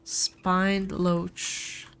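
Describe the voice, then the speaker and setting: Playing a farming game while sick with a cold, a streamer rambles casually to her viewers, with faint game music in the background. Her low voice is a bit bright, her delivery completely flat, and she draws out her words.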